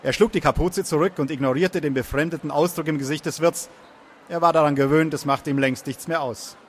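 A man reading a fantasy story aloud in a steady storytelling manner. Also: fairly high pitch, fairly quick, a little hiss or hum. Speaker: reader.

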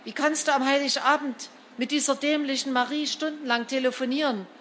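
Woman reading as an angry dad in a kids' storybook, sharp scolding, pitched up high. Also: steady tone, fairly quick, a little hiss or hum. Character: furious shouting father, middle-aged man.

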